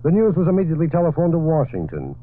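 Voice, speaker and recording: Male radio newsman from an old 1940s broadcast, tinny phone-like audio, steady reading with a few fillers. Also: on the high side, rapid-fire. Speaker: radio news reporter. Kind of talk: 1940s radio news bulletin.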